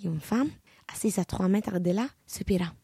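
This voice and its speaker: A woman reads a novel aloud in a calm, measured way. Her voice is mellow and a little husky, recorded close and dry. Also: mid-range voice, dry recording. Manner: measured, even literary reading. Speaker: narrator. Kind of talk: audiobook narration of a novel.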